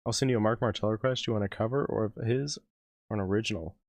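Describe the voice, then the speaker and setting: A man with a fairly low, darkish voice talks fast on a dry recording. Losing his voice, he hosts a music reaction live stream, chatting casually with viewers, rambling, interrupting himself, and laughing often between thoughts.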